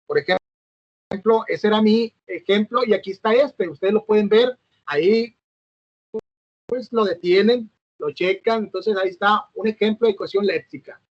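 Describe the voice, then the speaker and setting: A man with a high voice talks through a lesson he is recording alone. He hesitates, fills gaps and corrects himself, checking in with "¿no?". The sound is dull and lo-fi, in a dry, close space. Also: a little slow, no echo. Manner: hesitant, fillers and self-corrections, asks "¿no?". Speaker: teacher. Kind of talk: recorded online lecture.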